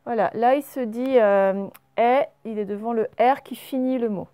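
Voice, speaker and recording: A French-accented woman teaching a recorded spelling lesson to young children, patient and clear, drawing out each example word. Her voice sits a little high and sounds close and dry, with no room around it. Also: dark tone, dry recording. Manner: patient, slow and clear, stretching out example words. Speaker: primary school teacher.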